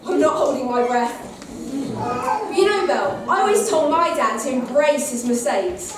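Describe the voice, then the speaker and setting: A woman's voice: high voice, lively intonation, normal speed, very noisy. A woman playing a cheerful, cheese-loving comic best friend, chatting bubbly with the audience, heard far off in an echoey hall. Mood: cheery. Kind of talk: amateur pantomime, addressing audience. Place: large hall with live audience.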